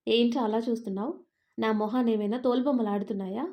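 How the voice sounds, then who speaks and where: Touchy young office clerk, put on by a woman storyteller; loud, indignant outbursts, mellow tone. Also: a little high, fairly even intonation, fast, natural voice. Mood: irritated. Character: young male office worker, touchy and proud.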